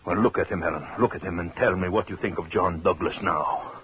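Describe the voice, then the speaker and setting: An actor playing a vengeful, obsessive husband in a 1940s radio horror drama, brooding and gloating with menace. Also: male voice, low-pitched, brisk, husky. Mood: coaxing menace. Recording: muffled, noisy 1940s radio recording.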